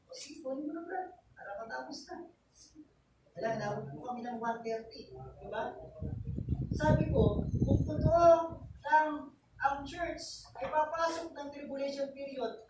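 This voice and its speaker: A man preaching a sermon as pastor, telling a story in a mix of Tagalog and English and often asking "diba?". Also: very high voice. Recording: echoey, distant church recording with noise.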